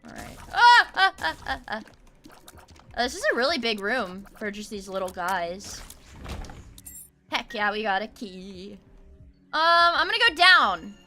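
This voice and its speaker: A woman streaming a game, chatting casually with excitable shrieks, gasps and swearing. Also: mid-range voice, a little slow, long pauses, a little hiss or hum. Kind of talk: casual gameplay commentary.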